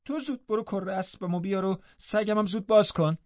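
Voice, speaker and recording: A man's voice: very animated, dark tone, no echo, dull audio. A man voicing a spoiled, haughty young girl who orders people about and grows tearful. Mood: imperious. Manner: bossy, shrill and indignant. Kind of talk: audiobook character voice.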